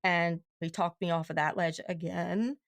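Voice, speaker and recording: A woman's voice: on the low side, normal speed, gravelly, no room sound. Woman telling a story, quoting every line. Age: adult with children. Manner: animated retelling, quotes both sides of conversations. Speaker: podcast guest. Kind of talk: storytelling in casual chat.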